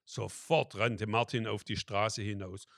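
Ein Mann liest langsam und ruhig eine christliche Adventsgeschichte vor und spricht danach einen Segen. Seine Stimme liegt eher tief und klingt trocken, ohne Raumhall. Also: male voice, on the low side, vocal fry, dry recording, studio quality. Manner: slow, calm, devout. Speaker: story reader and prayer leader.

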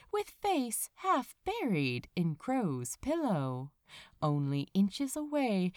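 With dramatic rises and falls in pitch, a woman narrates fiction in expressive audiobook fashion, reading slowly and with measured care as a podfic reader. The audio is dry, carrying barely any room and no room sound.

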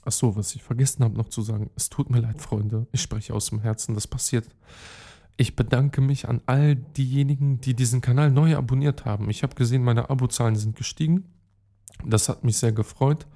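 A man's voice: medium pitch, steady tone, a little fast, dark tone. A young man hosting a casual solo podcast, rambling with lots of fillers and street slang, talking straight to his listeners. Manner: chatty, rambling, many fillers and restarts. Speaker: podcast host.

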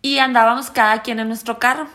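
A woman with a Mexican Spanish accent co-hosts a podcast, telling a story in slangy, casual chat and laughing along the way. Her voice is fairly high and she speaks quickly and animatedly.

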